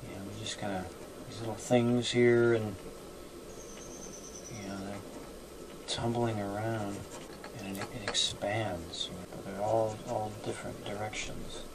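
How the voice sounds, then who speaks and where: A man working as a remote viewer, describing his impressions in a halting way and searching for words with many fillers. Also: fairly low pitch, little pitch movement, noisy background.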